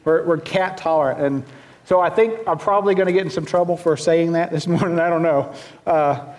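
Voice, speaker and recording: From the pulpit, a middle-aged pastor with a Southern US accent delivers a sermon in a voice that sits a little high for a man. His style is folksy and self-deprecating, and he often restarts sentences midway. The tone stays steady, the pace brisk, the sound a little mellow.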